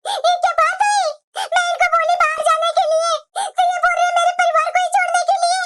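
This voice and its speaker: Young cartoon wife, tearful, pleading, shrill squeaky voice, acted by a woman. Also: level tone, fairly quick, a bit bright. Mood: indignant. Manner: pleading, emotional. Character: young married daughter, tearful, distraught. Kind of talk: cartoon voice acting.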